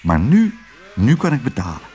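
A man's voice: medium pitch, huge pitch swings, normal speed, mellow, soft background music. A man reading aloud, voicing a cheerful, grateful male cook and father.

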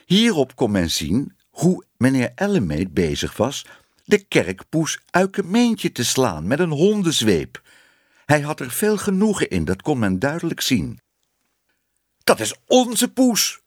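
A man reading a children's story aloud with an expressive storytelling voice. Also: medium pitch, a little slow, dry recording, clean studio sound. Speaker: narrator.

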